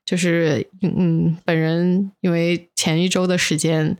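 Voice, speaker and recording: Recording while ill, this podcast co-host from inland China slips English words into her Mandarin as she chats and tells personal stories. Her lowish voice moves slowly with little change in pitch and has a darkish tone.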